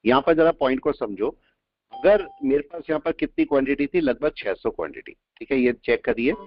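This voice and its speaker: Male instructor, mid-pitched, runs a live class, keeps quizzing students; muffled dry recording. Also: animated. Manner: quizzing students with quick questions. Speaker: trading instructor. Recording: dull lo-fi audio, dry.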